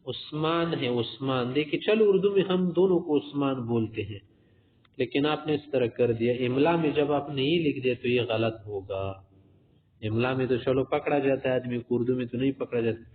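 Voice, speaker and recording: A man teaching a tajweed lesson, explaining letter errors with spoken examples and addressing listeners as respected sirs. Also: medium pitch. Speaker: Quran recitation teacher. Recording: tinny phone-like recording.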